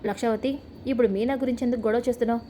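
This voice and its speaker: A blunt young husband who answers back sarcastically and defiantly, voiced by a woman narrator. The tone is warm and a little high, in a storybook recap. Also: fairly even intonation, rapid-fire, slight background noise, natural voice.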